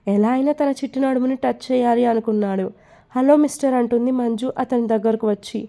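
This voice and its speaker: A woman reading a romance story aloud as narrator. Her voice is fairly high yet mellow and soft. She keeps a steady storytelling pace. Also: fast talker, creaky.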